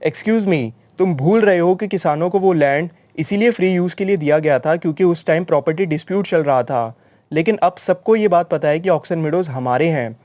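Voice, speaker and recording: A man voicing a gruff, proud older landowner who is the girl's father. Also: fairly high pitch, a little fast, a little mellow, no room sound, close to an everyday voice. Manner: gruff, dismissive.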